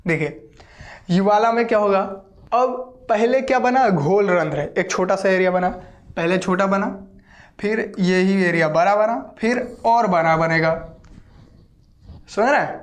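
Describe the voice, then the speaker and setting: Patient teacher drilling pronunciation. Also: mid-range voice. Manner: patient, repeats words and drills pronunciation slowly; checks in often with the listener. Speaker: geography teacher. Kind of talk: online class lesson.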